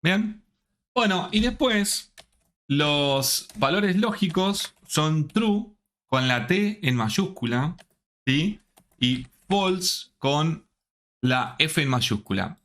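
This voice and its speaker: This man, whose expressive voice runs on the high side with a fairly bright tone, is teaching programming live online. He moves slowly and stops often to check on his students.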